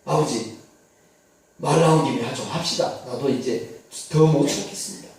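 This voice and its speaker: Picture an indignant elder son, bitter and resentful, firing off angry questions in a gravelly, mellow voice, as a preacher acts him out in his sermon. The sound carries heavy echo from a distant mic in a large hall. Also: medium pitch, normal speed, slight background noise, natural voice. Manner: protesting, heated rhetorical questions.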